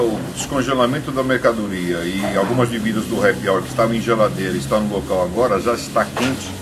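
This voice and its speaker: A man in his fifties with a São Paulo Brazilian accent, a restaurant owner earnestly explaining to a reporter outdoors, rambling with restarts. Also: fairly low pitch. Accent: Brazilian Portuguese, São Paulo. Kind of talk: on-the-spot interview. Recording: noisy outdoor field recording.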